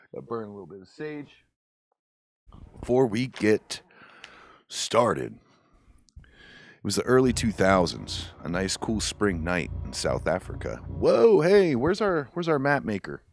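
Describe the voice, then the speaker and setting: A man's voice: sits low, big pitch swings, slow, long pauses, dry recording, studio quality. A man hosting a podcast, reading listener stories aloud and joking casually with a co-host. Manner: laid-back, jokey, swears casually.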